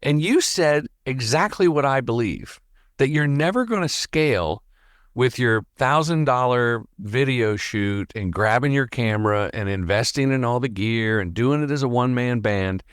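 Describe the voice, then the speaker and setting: A man's voice: medium pitch, moderate pace, clean tone, dry recording, studio quality. A man hosting a podcast interview in casual chat, rambling and talking a mile a minute. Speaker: podcast host.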